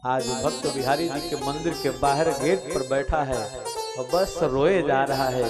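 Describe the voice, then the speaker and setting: A man's voice: medium pitch, a little slow. A man gives an emotional, repetitive devotional sermon at a live religious gathering, rising to emphatic peaks. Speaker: preacher. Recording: loud music under live sermon.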